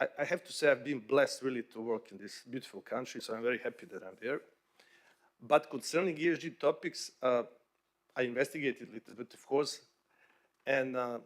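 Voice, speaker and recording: Speaking English at a conference panel, this Bosnian bank executive has a middle-pitched voice. Fillers and restarts come often in his halting, conversational delivery.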